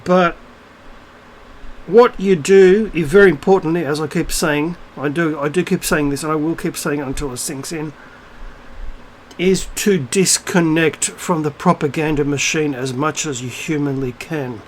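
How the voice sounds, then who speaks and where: A man's voice: on the high side, moderate pace, slight background noise, poor audio. Blunt, profane middle-aged man ranting. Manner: blunt, profane, rambling with many fillers and restarts. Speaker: video blogger. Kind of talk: unscripted ranting monologue.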